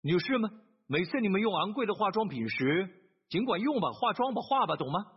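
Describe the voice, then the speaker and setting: High husky-voiced male preacher. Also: very animated, a little fast. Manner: earnest storytelling with hesitant fillers and repetition. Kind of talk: sermon. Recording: dull lo-fi sermon recording.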